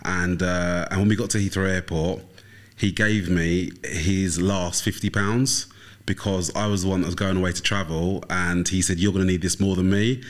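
Man, Essex accent, low pitch, casual conversational storytelling, hesitant interview guest. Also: level tone, normal speed. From Essex, England. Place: studio.

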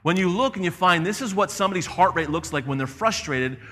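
A fairly high, bright and forceful male voice delivers a sermon from the pulpit. He preaches in an animated, conversational way and slips into voices for the people in his story. The sound rings with the long reverb of a large church hall. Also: fast talker. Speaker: pastor.

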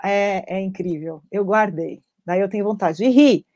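A woman addiction treatment professional talking in a live stream over a video call, animated, acting out parents' words and tagging sentences with questions. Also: mid-range voice, moderate pace. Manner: animated, acts out parents' quotes, frequent tag questions.

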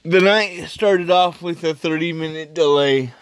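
A man hosting a casual solo podcast review, speaking in halting, terse, choppy phrases. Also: fairly high pitch, a little hiss or hum. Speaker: wrestling podcast host.

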